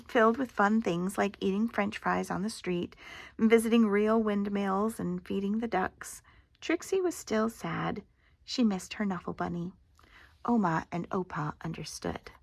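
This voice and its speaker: This older woman sounds like a grandmother as she reads from a kids' picture book, expressive and deliberate, leaning hard on dramatic moments and softening the ends of her phrases. Her pitch sits in the middle, her voice is creaky, and no room sound comes through.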